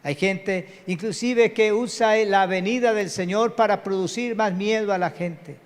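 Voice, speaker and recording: High-voiced pastor preaching. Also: male voice, steady tone, a little slow. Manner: emphatic, calls for amen, repeats phrases. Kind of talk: sermon. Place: church hall. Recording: long hall reverb.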